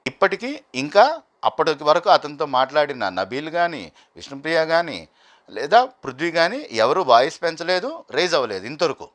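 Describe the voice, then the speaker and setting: A man's voice: fairly high pitch, normal speed. A man giving argumentative commentary as a reality show reviewer. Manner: animated, argumentative, quotes contestants in acted bursts.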